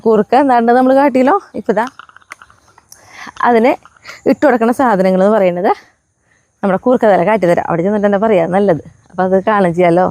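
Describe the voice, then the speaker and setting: A woman's voice: mid-range voice, fast talker, pauses often. A woman with a Kerala Malayalam accent chatting casually to the camera in a family vlog, often tacking friendly asides onto her sentences for viewers. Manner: soft baby-talk when addressing her pets. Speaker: family vlogger.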